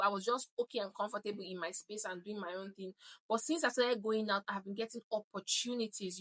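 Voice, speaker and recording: A Nigerian woman in her thirties, with a Nigerian accent, gives emphatic advice in a vlog, repeatedly checking in with "okay?" to drive her points home. Her mid-range voice sounds pushed and bright, and the audio is poor.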